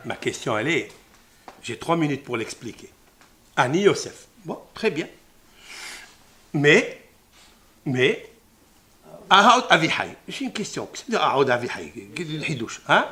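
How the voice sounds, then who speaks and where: A Torah teacher, male, gives a scripture lesson in a fairly high voice whose pitch swings widely and energetically. His pace is measured, with frequent pauses, as he sinks to hushed murmurs and then breaks into loud exclamations. He weaves Hebrew terms into his explanations.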